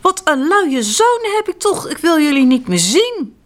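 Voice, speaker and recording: A woman voicing an angry old male tailor who shouts at his sons. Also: extremely high pitch, very animated, unhurried, voice pushed up, heavily acted. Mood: furious. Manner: shouting, furious.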